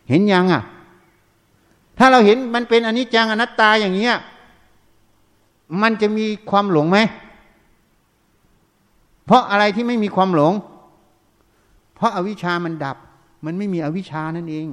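A Buddhist monk gives a dharma talk in a high, smooth, resonant voice. He keeps checking on his listeners with quick little questions. The sound rings with the long reverb of a large meditation hall. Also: a bit bright.

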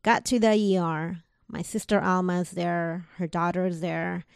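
A woman's voice: fairly low pitch, flat delivery, measured pace, creaky, clean tone, no room sound, clean studio sound. A woman telling a personal story in conversation, retelling what people said through quoted dialogue, with casual fillers.

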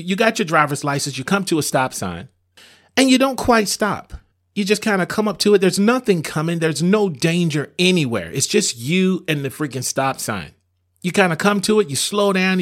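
A man's voice: on the high side, a bit bright. A man delivering a preaching-style political monologue, emphatic and repeating words for stress.

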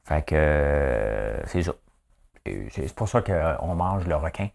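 Brief: low-voiced Quebec French man hosting a rambling trivia show, very lively pitch, chatty. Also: takes it slowly, creaky. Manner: chatty, keeps tossing in "hein?"; slips into English phrases. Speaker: host.

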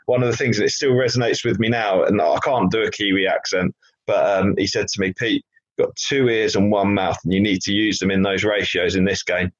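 Low husky-voiced male podcast host. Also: no room sound. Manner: rambling, self-correcting storytelling. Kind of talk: casual interview chat. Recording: slightly dull, dry lo-fi sound.

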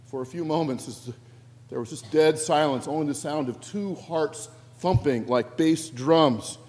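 A male pastor delivers a sermon with a fairly high voice, shifting between hushed reflection and lively storytelling. His words ring out in a church sanctuary with a long reverb tail. He acts out quoted lines with playful energy. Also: a little slow.

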